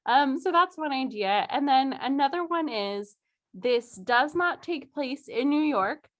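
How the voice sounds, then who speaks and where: A woman's voice: high-pitched, animated, measured pace, fairly bright tone. A young woman co-hosting a podcast, chatting casually and giggling through her words with lots of fillers. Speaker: podcast co-host. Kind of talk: casual chat.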